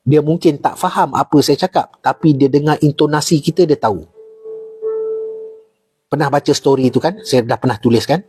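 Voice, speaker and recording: Soft music plays behind a middle-aged man whose voice sits on the high side and moves at normal speed. A former army officer with a Malaysian Malay accent, he's a guest spinning lively stories in casual conversation, hammering home key points and asking listeners rhetorical questions.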